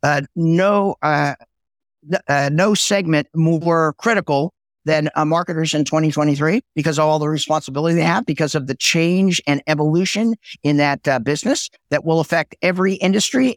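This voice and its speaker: High-voiced animated man telling stories. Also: moderate pace, no room sound, studio quality. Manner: animated storyteller, lively and talkative. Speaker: podcast guest, sales executive. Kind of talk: casual interview chat with storytelling.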